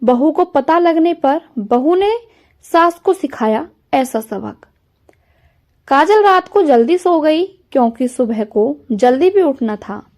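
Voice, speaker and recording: A woman narrating a family story in a calm, measured scripted reading. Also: high voice.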